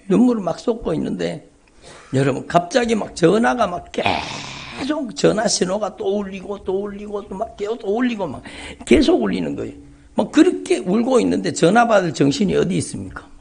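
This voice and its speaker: A male pastor giving an emotional sermon testimony, telling his story dramatically and swinging from loud cries to hushed whispers. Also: sits high, creaky. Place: large church sanctuary.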